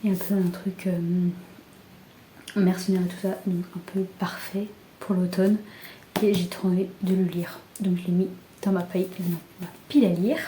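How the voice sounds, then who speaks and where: A young woman chatting casually about books in a soft, often half-whispered voice, with many fillers. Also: fairly low pitch, little pitch movement, moderate pace. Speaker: book vlogger. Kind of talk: casual book haul chat. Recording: echoey room with faint background hiss.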